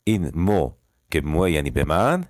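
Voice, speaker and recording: A man with a very low voice that still moves around a lot in pitch, teaching French phrase by phrase. He explains in Persian, casually calling his learners kids, and slows right down to repeat each French sentence. The sound is dry and close, with no room around it. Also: very animated, darkish tone, no room sound. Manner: explains in Persian, reads French lines slowly and repeats them. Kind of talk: language lesson explaining phrases.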